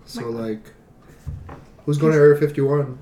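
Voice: medium pitch, unhurried. A podcast co-host chatting casually and laid-back, repeating "yeah, yeah". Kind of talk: casual chat. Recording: echoey room with clear background noise.

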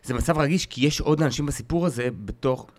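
A stand-up comedian with a slightly high voice tells stories in a casual podcast chat, recorded with no echo. He's an animated storyteller who acts out the voices he quotes.

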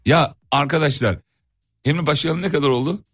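A man's voice: fairly high pitch, moderate pace, fairly bright tone, slightly rough. A man hosting a morning radio show, laughing often and egging on his co-hosts. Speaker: radio host. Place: radio studio. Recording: radio broadcast with music bed.

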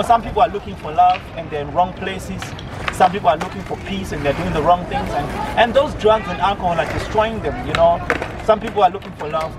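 A Zimbabwean man in his 20s works as a street evangelist, preaching earnestly outdoors and giving interview answers, with lots of repetition and frequent restarts. His voice sits high, and the distant mic picks up loud traffic noise.

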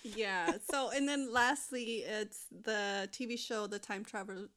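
A woman's voice: medium pitch, takes it slowly, a bit bright. A young woman co-hosting a casual chat, rambling with lots of fillers and restarts.

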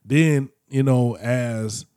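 A man in his late thirties co-hosting a podcast, talking in a slow, reflective, slangy way. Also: mid-range voice, warm tone, clear, resonant tone, dry recording, studio quality. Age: 30s. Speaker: podcast co-host. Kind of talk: casual chat.

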